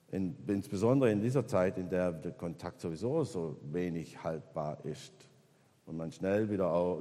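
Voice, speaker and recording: A man preaching a sermon in a church, rising loud on key points and dropping soft in reflection. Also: big-room sound. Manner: rises in pitch and volume when stressing points, drops low and soft in reflection.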